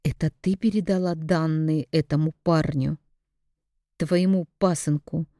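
Icy, raging man under accusation, put on by a woman reader; low, dark tone, dry. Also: fairly even intonation, a little slow, no room sound. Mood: enraged. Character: cold, enraged man accused of murder.

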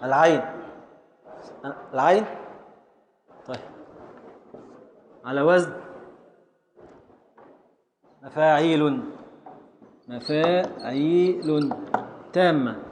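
An Egyptian man with a fairly high voice leads a class on poetic meter. He calls on students and sounds out syllables slowly. Faint room noise sits under the recording. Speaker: teacher. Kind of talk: Arabic prosody class.

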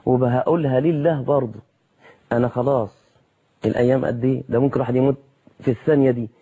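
A man with an Egyptian accent gives a televised sermon in plain everyday speech. He talks at a brisk clip and keeps asking his listeners rhetorical questions. His voice is mellow, low in tone and a little husky. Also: steady tone. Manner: colloquial, full of rhetorical questions. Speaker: preacher.

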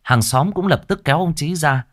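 A man narrating a ghost story in a dramatic, lively way. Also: a little high, normal speed, no room sound, studio quality.

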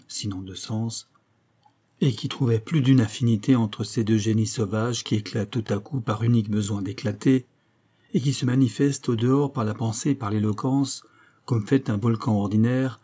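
Man reading a classic tale, mellow voice. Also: fairly low pitch. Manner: measured, expressive storytelling. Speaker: narrator. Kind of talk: literary audiobook reading.

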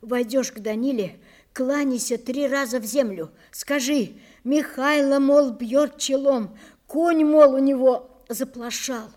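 A woman's voice: sits high, slow, a little mellow, pitched above the performer's own voice. A woman reading a desperate young nobleman. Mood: urgent pleading. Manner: urgent, imploring. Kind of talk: audiobook character reading.

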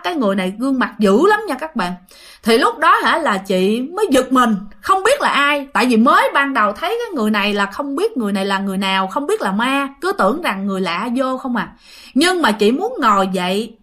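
A woman with a Southern Vietnamese accent tells a ghost story, chatting with her listeners as she goes. Her voice sits on the high side and swoops up and down with a lot of expression. The telling feels casual and conversational. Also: a bit bright. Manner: chatty, addresses listeners directly.

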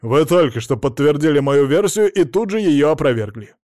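A man's voice: a little high, animated, normal speed, darkish tone, no room sound, clean studio sound, natural voice. A man reading an audiobook, voicing a curt, irritated investigator on the phone. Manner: curt and sour.

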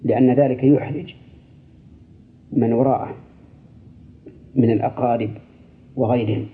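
Older man giving measured radio fatwas. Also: mid-range voice, fairly even intonation. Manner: measured, deliberate, with restarts. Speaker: Islamic scholar answering listener questions. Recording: tinny, lo-fi radio broadcast.

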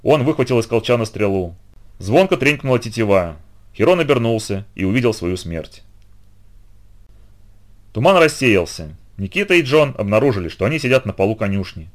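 A man narrating an audiobook with expressive, dramatic storytelling. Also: lowish voice, normal speed.

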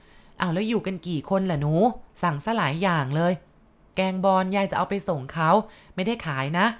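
A woman voicing an old village grandmother in a told ghost story, speaking slowly and homely. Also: fairly low pitch, natural voice. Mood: chatty. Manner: slow, homely speech. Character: old village grandmother who sells food.

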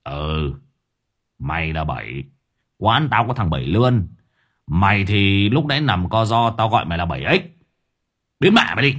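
A man voicing a gruff older male gangster bar owner who curses coarsely. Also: low-pitched, expressive, moderate pace, a bit bright, exaggerated voice. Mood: scornful. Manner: coarse, cursing, growling.

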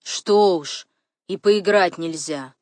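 A woman voicing a rough, wild servant woman who taunts loudly, in a dry recording. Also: fairly low pitch, slow, no room sound. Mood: sluggish. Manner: taunting, loud.

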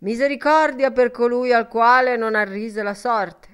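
A woman's voice: a little high, a little slow, clean tone, natural voice. Woman voicing a hearty racing gambler.

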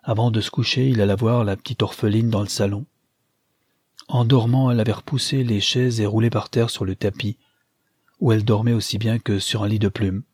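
Husky-voiced male audiobook narrator. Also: fairly low pitch, fairly even intonation, a little fast, darkish tone, no echo, clean studio sound. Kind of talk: scripted narration of a novel.

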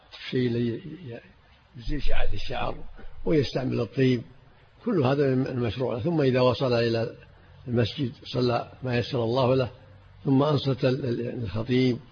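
A man's voice: mid-range voice, brisk, gravelly. An older man, commenting as a sheikh at a hadith reading session, answering briefly and repeating words as he searches for them. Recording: dull lo-fi old tape with faint hiss.

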